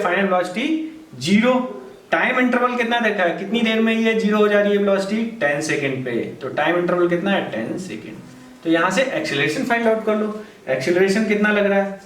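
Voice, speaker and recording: A male physics teacher giving a lesson at a board, asking questions and answering them himself, repeating key steps and reading problem text slowly word by word. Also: high-pitched. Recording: echoey room, somewhat far from mic.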